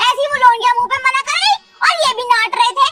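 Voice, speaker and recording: A fed-up village mother who nags, threatens and complains about the housework, in a strikingly high, piping voice voiced by a young performer. She snaps out orders and grumbles without a break, and a loud music bed runs behind her. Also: fast talker. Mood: complaining. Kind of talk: comedy skit acting.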